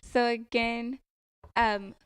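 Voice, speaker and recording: A woman co-hosting a casual podcast, relaxed, laughing easily and explaining things with a few fillers. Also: a little high, very slow, clean tone, dry recording, studio quality. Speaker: podcast co-host.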